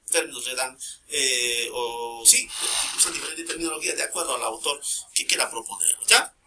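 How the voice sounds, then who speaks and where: Bright-voiced male teacher. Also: medium pitch, a little hiss or hum. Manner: checks in constantly with short tag questions; repeats key terms emphatically. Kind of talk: recorded grammar lesson.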